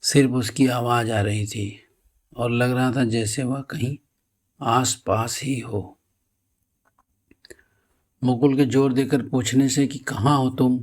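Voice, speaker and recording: A man narrating a horror story in a slow, measured storytelling manner. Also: mid-range voice, steady tone.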